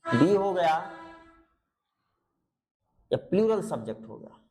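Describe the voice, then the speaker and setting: Over soft background music, a high-voiced man with a darkish tone teaches English grammar online, explaining in Hindi and showing pronunciation. His delivery is sing-song and unhurried; he repeats key words, asks students questions, and fondly calls them beta. He's an English teacher; the recording is low quality.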